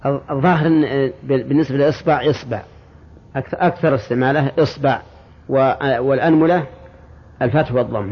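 A man's voice: medium pitch, breathy edge, lo-fi sound. A man teaching a religious classroom lesson, explaining step by step and asking his students short questions.

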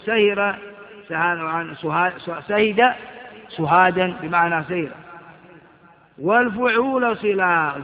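A man teaching a grammar lesson, reciting word patterns and examples and asking his listeners questions. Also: high-pitched. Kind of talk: Arabic grammar lesson explaining verbal noun patterns. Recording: dull recording with long hall reverb.

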